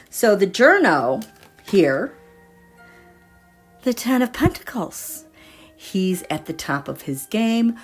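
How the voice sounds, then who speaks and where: A woman reading tarot cards in a casual livestream, chatty and meandering as she thinks aloud. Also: mid-range voice. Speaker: tarot reader.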